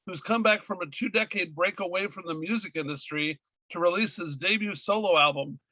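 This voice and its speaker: A man's voice: high-pitched, fairly quick, bright, forceful tone, no echo, rough recording. A man co-hosting a radio talk show, opening with an upbeat, jokey announcer delivery. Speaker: co-host.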